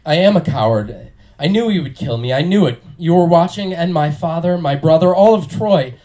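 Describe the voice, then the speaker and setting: A man playing a cowardly young prince confessing shame, in hammy, deliberately bad audition acting. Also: on the high side, lively intonation, dark tone, natural voice. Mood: anguished shame. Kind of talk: comic stage scene reading.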